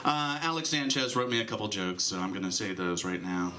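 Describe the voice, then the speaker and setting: A man's voice: lowish voice, expressive, brisk, pushed and bright, a little hiss or hum. A man, a comedian on a comedy club stage, giving a rambling, self-deprecating stand-up tribute through a handheld mic.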